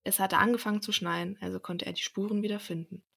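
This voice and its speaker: A woman in her twenties, a student, reading a storybook aloud in a steady narrating voice with occasional small slips. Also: medium pitch, fast talker, vocal fry, slightly rough.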